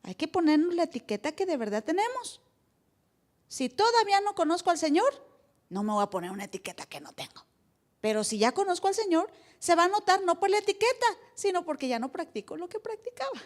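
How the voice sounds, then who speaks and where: Mexican woman pastor, high-pitched, playful sermon delivery, throws questions at the congregation. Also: big pitch swings, brisk. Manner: playful, asks the congregation questions, acts out little dialogues. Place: church service before a congregation.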